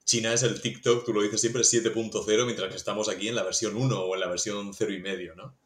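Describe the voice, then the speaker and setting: A man's voice: lowish voice, fairly even intonation, quick pace. A middle-aged man hosting a podcast interview, asking chatty, winding questions in a casual tone. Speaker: podcast host. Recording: echoey room.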